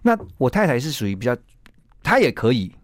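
A man with a Taiwanese Mandarin accent, a guest on a radio interview, telling a story with lively acted-out quotes. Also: medium pitch, brisk, no room sound, studio quality. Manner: animated storyteller who acts out quoted lines.

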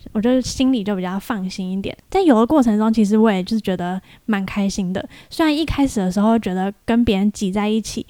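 Chatty young woman, mellow voice. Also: a little high, no room sound. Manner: chatty, mimics other people's voices in quotes. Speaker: podcast host. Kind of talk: casual storytelling monologue.

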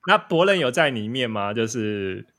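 A man's voice: mid-range voice, big pitch swings, normal speed, a bit bright. A man, a podcast guest reflecting in casual chat, often restarting his phrases.

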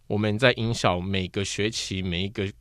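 A young man from Taiwan, a guest on a casual podcast chat, telling animated stories about his acting past. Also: lowish voice, moderate pace, clean tone, no room sound, clean studio sound. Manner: animated storyteller who slips into mimicked voices.

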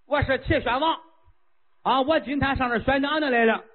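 A man playing an impatient, lovesick old-time king. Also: moderate pace. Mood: eager, impatient. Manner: eager, whiny, high-pitched pleading. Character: impatient, girl-crazy ancient king. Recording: tinny lo-fi phone-like sound.

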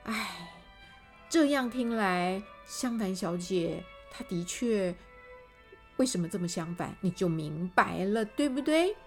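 A woman reading a children's storybook aloud, animated and speaking directly to the little listeners. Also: medium pitch, slow, faint music behind.

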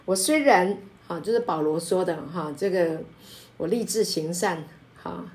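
A woman pastor teaching a Bible study, emphatic and lively, with frequent filler sounds and light laughs. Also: on the low side, a little slow. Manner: laughs often while explaining.

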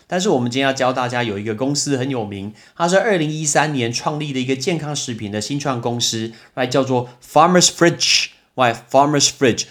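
A young man hosts a casual English vocabulary lesson, chatting and explaining with everyday examples. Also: mid-range voice. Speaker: podcast host and English teacher.

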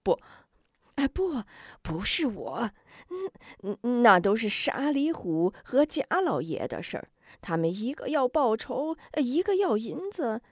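A woman's voice: a little high, very animated, a little slow, no room sound, clean studio sound, voice pushed up. A woman voicing a cowardly male henchman who grovels and stammers, full of nervous fillers. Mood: pleading, panicky.

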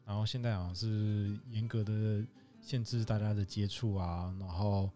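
Brief: man, low warm voice, dry joking podcast co-host, faint guitar underneath. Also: steady tone, moderate pace. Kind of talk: casual chat.

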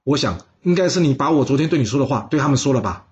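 A man's voice: medium pitch, animated, very fast, highs cut off, close to an everyday voice. A man voicing a cautious adviser who pleads earnestly with his lord. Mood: worried. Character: worried, cautious male adviser.

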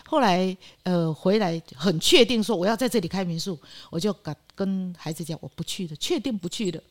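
Older Taiwanese woman telling lively stories. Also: fairly low pitch, a little fast. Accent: Taiwanese Mandarin. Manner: lively anecdotes, often acting out quoted lines and laughing. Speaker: guest, guesthouse owner. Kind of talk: storytelling in a casual interview.

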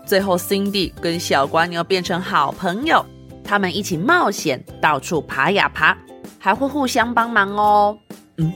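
A woman telling an interactive story as if reading to a toddler, with playful questions, sound effects and drawn-out words. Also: on the low side, a bit bright. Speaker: children's storyteller. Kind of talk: interactive storytelling for small children. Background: children's music.

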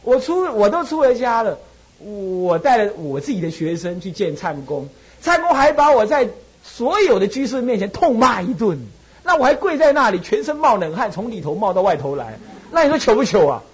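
Animated husky Taiwanese monk. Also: male voice, high voice, moderate pace. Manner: animated, scolding yet reassuring, rhetorical questions. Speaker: Buddhist monk and temple abbot. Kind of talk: dharma talk answering a question.

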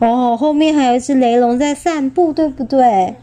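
A woman reading a picture book aloud, gentle and exclaiming, pausing to chat with her listener. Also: high-pitched. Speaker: storyteller.

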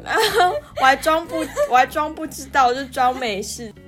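A woman, co-hosting a podcast. She tells childhood stories expressively, laughing along and reacting quickly, with music behind her. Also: high-pitched, lively intonation. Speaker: podcast co-host. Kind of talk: casual storytelling chat.

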